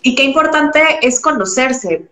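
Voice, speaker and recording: A woman's voice: high voice, expressive, unhurried, sharp tone, echoey room, rough recording. A woman hosting an interview, asking follow-up questions. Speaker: interview host. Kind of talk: casual interview.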